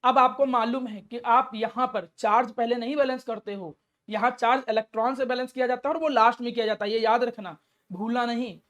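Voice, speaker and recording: A woman's voice: fairly high pitch, fairly even intonation, brisk, fairly bright tone. A woman teaching a chemistry lesson step by step, asking and answering her own questions and affectionately addressing the student. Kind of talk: classroom lecture.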